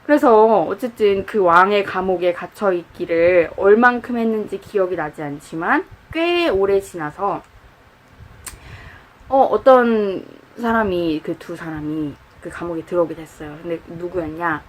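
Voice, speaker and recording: Animated woman telling a youth sermon. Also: fairly low pitch, a little slow, low-quality recording. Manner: animated, acts out quoted lines. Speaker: youth pastor. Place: church, indoors.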